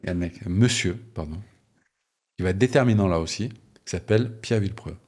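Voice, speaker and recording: A middle-aged man from southern France, a former rugby player, telling lively anecdotes in a casual interview and acting out other people's voices. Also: low-pitched, fast, breathy edge. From Toulon, southern France.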